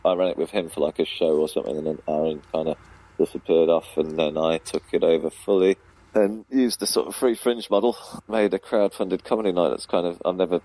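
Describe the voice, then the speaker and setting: A man's voice: sits low, fairly even intonation, a little fast, warm tone, dry recording, poor audio. A man, a comedy club promoter and compere, chatting as a guest on radio in a rambling way, laughing often and filling with ums. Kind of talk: casual radio chat. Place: radio studio.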